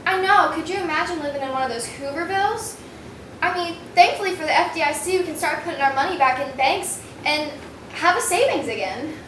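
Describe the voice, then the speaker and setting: A woman's voice: high-pitched, lively intonation, brisk. A woman playing an earnest young character in an amateur wartime period drama. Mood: chatty. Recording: echoey, distant, noisy room.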